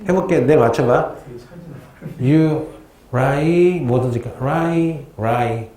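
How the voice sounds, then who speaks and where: Guy teaching history, chatty jokey lecture, warm mellow voice, echoey room. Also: mid-range voice, slow. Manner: chatty, joking asides before teaching. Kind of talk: casual classroom lecture. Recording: roomy echo.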